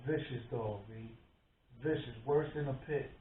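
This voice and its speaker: A man with a medium-pitched voice talks at a normal speed over slight background noise. He co-hosts a podcast, chatting casually as an animated storyteller who acts out the people he quotes. The sound is tinny and phone-like, captured from a distance in an echoey room.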